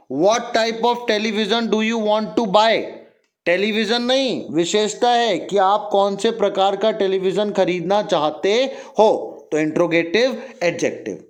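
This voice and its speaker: A male English grammar teacher, teaching a classroom lesson that drills students with repeated questions and call-and-response. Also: high voice. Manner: slow, spelling out and stressing each word.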